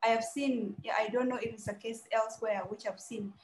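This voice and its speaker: A woman's voice: a little high, fairly even intonation, brisk, reverberant, a little hiss or hum, rough recording. A young woman from South Sudan giving an earnest, urgent conference talk over a webcam video call, repeating phrases for emphasis. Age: young adult. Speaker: conference speaker. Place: dim indoor room.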